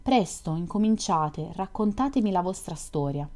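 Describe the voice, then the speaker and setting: A talkative young woman full of teasing questions, read by a woman narrating a novel. The voice sits fairly low and sounds mellow and soft-edged. She chats along in a quick, curious, playful way. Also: expressive, close to an everyday voice. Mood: chatty, teasing. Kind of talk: audiobook reading of a novel.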